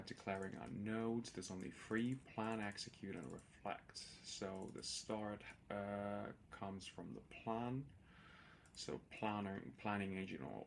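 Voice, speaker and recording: In an unscripted screen-share tutorial, a man presents a software demo with a low, gravelly voice. He explains each step hesitantly, halting often with many filled pauses, while a faint noise sits behind him.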